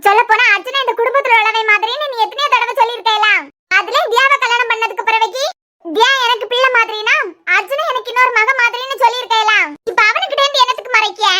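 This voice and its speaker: A woman's voice: very high voice, bright, forceful tone, pitched above the performer's own voice. A woman voicing a blunt, outspoken aunt in a cartoon serial, with a Kanyakumari Tamil accent. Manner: blunt, brisk.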